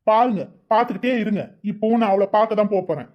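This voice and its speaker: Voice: mid-range voice, quick pace, dull audio, lightly acted. A performer voicing a defiant young man in a cartoon, talking back to his parents in an argumentative way.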